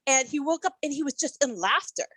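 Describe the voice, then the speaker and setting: A woman co-host with a slightly high voice talks through an episode in relaxed podcast chat. She thinks aloud, pausing with ums and restarting her sentences. The sound is dry and close. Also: no room sound. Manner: thoughtful, halting with many ums and restarts. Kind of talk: casual episode review chat.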